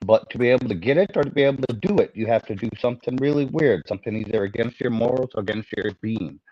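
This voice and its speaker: A man's voice: mid-range voice, fast talker, darkish tone, no room sound. A man joining an online chat from his phone over a bad, robotic-sounding connection, teasing the others and reading out a question. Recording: dull lo-fi call audio.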